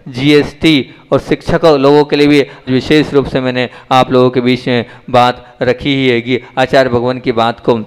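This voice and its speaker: Resonant male monk preaching. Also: clear, resonant tone. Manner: asks the audience questions and answers them himself; acts out dialogue in a story with shifting pitch. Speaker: Jain monk giving a discourse. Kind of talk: sermon.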